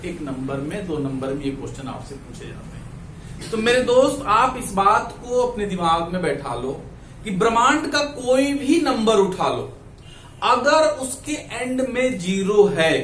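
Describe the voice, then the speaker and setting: A maths teacher in a classroom full of students speaks in a high, slightly bright voice with big pitch swings, going a little slowly. He counts steps aloud, uses English terms, and keeps checking in with "ठीक है ना"; the far-off mic picks up echo and slight background noise.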